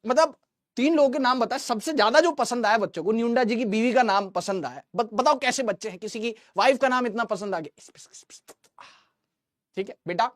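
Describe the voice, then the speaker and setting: A man's voice: very high-pitched, fast, no echo. Male physics teacher, live online class, joking and playful, repeats terms as questions, dry close recording. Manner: playful, joking with viewers' comments; drills terms by call and response. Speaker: physics teacher for exam students.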